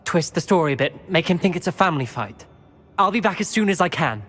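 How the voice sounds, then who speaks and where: Earnest worried witch in a game, lowish voice, long reverb, some music. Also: expressive, quick pace, a bit bright. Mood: worried, urgent. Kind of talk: dramatic video game acting.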